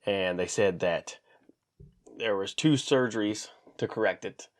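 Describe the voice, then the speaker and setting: A man in his thirties telling a personal story to camera in a casual, animated way, acting out what people said. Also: measured pace. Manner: animated, acts out quotes with big pitch jumps. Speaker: vlogger.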